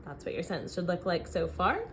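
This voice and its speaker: A woman teacher dictating sentences word by word, sounding out letters and syllables deliberately and checking in with questions. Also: lowish voice, expressive, fairly bright tone, a little hiss or hum. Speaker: elementary phonics teacher.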